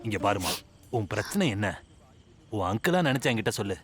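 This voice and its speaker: An actor playing a gruff middle-aged policeman who talks bluntly and scolds. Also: on the low side, sing-song, fairly quick, over music. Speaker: police officer.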